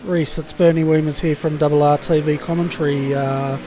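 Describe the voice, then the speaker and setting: A man's voice: on the high side, flat delivery, a little fast, dark tone, slight background noise. A man doing easygoing, casual commentary on an online motor race over voice chat. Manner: easygoing, chatty, laughs with co-hosts.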